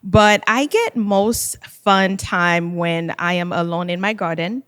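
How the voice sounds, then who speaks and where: A middle-aged woman from Haiti speaks in a low, measured voice as a podcast guest. The recording is dry and close. She explains her points calmly and with composure. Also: clear, resonant tone, dry recording. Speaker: real estate advisor and educator. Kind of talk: conversational podcast interview.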